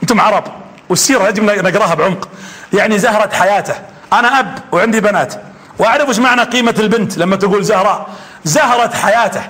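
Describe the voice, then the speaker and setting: A man's voice: sits high, quick pace, pushed and bright. A man preaching a sermon, telling stories with animation and quizzing his audience.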